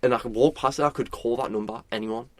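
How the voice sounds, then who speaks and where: A man's voice: medium pitch, quick pace, darkish tone, dry recording. A young man with a Geordie accent, co-hosting a podcast in casual chat, rambling and swearing freely with plenty of fillers. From North East England. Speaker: podcast co-host.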